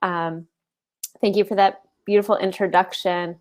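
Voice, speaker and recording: A woman researcher leads a panel discussion. She lays out the topic in a measured, explanatory way and hesitates often with ums. Her pitch sits in the middle range. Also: flat delivery, darkish tone.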